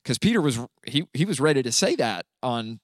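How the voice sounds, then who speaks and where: A man, a pastor, explaining a Bible passage in a relaxed conversational way, often checking in with "right?". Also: medium pitch, fairly quick, no echo. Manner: explanatory, frequent "right?" and fillers.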